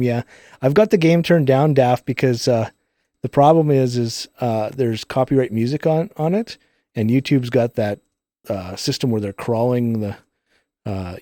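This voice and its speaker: A man's voice: medium pitch, dark tone, no room sound. A man chatting casually as he hosts a live game stream, rambling through technical explanations, his voice heavily compressed on a studio microphone. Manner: rambling, explains technical details while playing. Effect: audio compressor on voice. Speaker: live-streaming gamer and host. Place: recording studio. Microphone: studio microphones through a multichannel input.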